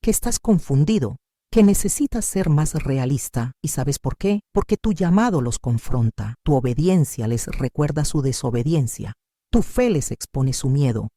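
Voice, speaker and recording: A woman's voice: sits low, expressive, normal speed, dark tone, dry recording, studio quality. A woman giving scripted devotional narration, preaching in a dramatic, emphatic way.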